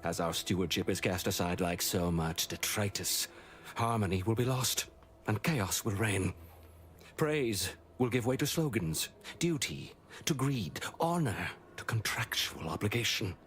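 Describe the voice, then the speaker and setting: A grandiloquent, defeated commander from a video game. The voice is on the low side, with formal, florid phrasing and theatrical self-blame. Faint background noise sits behind the lines. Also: male voice, animated, measured pace, a bit bright. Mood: grandiose despair. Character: pompous, defeated male commander mourning his doomed island. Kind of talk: scripted video game dialogue.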